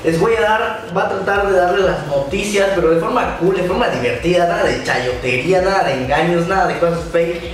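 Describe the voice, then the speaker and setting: A man's voice: high-pitched, fairly quick, hardly any pauses. Young Mexican man, slangy, echoey room. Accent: Mexican Spanish. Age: young adult. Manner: loose, joking, full of slang and fillers. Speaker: YouTuber hosting a news segment. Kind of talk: casual slangy news chat to camera. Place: small indoor room, bedroom studio. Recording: echoey room, mic far off, faint hiss.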